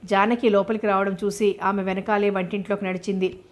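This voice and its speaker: A woman narrating a serialized novel as an audiobook, in a steady, measured manner. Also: mid-range voice.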